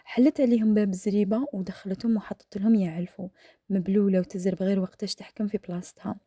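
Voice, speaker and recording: A woman with an Algerian accent telling a dramatic story in a hushed, half-whispered voice while cooking, close to the mic. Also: mid-range voice, fairly even intonation, quick pace, no room sound. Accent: Algerian Arabic.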